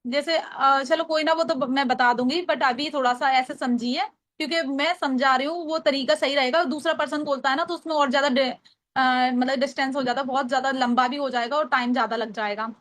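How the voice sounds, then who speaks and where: A woman's voice: high voice, fairly even intonation, fairly quick, a bit bright. A young woman with an Agra Hindi accent trains a team on invitation calls, acting out sample calls and repeating lines so listeners can write them down. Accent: Hindi, from Agra, Uttar Pradesh. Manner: explains step by step, repeats lines for note-taking. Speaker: trainer teaching call scripts. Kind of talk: casual training talk with role-played calls.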